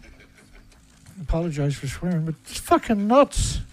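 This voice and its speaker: A man's voice: a little high, sing-song, measured pace. A man hosting a livestream, delivering an angry, profane rant full of hammering rhetorical questions. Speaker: livestream host. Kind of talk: ranting livestream monologue.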